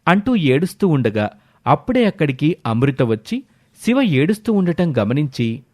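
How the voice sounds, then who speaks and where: A man narrating an animated children's storybook in a steady, expressive way. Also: a little high, moderate pace. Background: faint background music.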